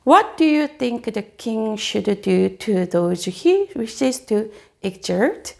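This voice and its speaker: A woman voicing a proud older king who questions his officials and gives orders in a deliberate, regal manner, told as a children's Bible story. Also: on the high side, sing-song, gravelly, voice pushed down, exaggerated voice. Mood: commanding. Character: proud Persian king, older man, commanding.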